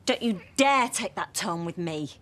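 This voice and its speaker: A woman's voice: lowish voice, lively intonation, a little slow, a bit bright. An actress playing a defensive mother, lecturing her daughter in a stern, insistent way.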